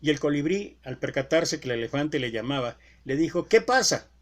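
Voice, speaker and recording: A male preacher giving a sermon with deliberate emphasis and rhetorical questions. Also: on the high side.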